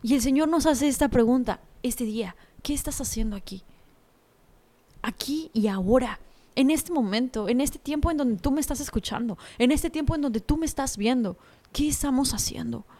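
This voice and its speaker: Young woman, devotional talk, earnest and confiding, mellow voice, slightly high. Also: moderate pace.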